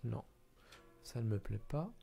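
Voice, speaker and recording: A man's voice: fairly low pitch, lively intonation, measured pace, vocal fry, mellow, breathy edge, soft background music. Tired man mumbling over his edit. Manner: mumbling, hesitant, thinking aloud. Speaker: video editor commenting his work. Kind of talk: casual screen-recording commentary.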